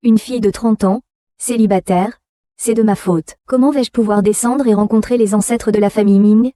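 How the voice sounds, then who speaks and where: Une comédienne doublant une mère âgée, avide et mélodramatique, qui gronde et se lamente. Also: female voice, medium pitch, fairly even intonation, moderate pace, dark tone, no echo, clean studio sound, close to an everyday voice. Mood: wailing. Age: older. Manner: wailing and scolding. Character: shrill older mother, greedy, melodramatic. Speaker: mother. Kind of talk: dubbed drama.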